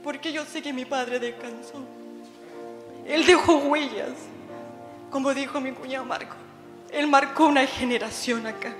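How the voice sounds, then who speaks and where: A woman's voice: high voice, steady tone, normal speed. A middle-aged Chilean woman with a Chilean accent, giving a heartfelt, emotional memorial testimony to her congregation. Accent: Chilean Spanish. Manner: heartfelt, emotional, calls listeners "hermano". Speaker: bereaved daughter giving testimony. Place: church hall. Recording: echoey church hall with faint music.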